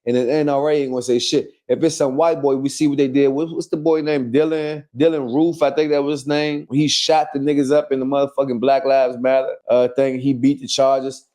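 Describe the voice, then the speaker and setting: Blunt profane man, dark voice. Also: mid-range voice, flat delivery, brisk, few pauses. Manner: blunt and profane, rambling with fillers. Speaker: podcast host. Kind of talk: casual chat.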